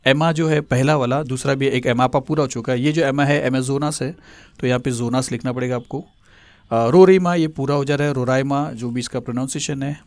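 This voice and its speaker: A male tutor explaining a memory trick step by step, pausing often with filler sounds. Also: medium pitch, steady tone, darkish tone, no room sound. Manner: hesitant, many filler sounds.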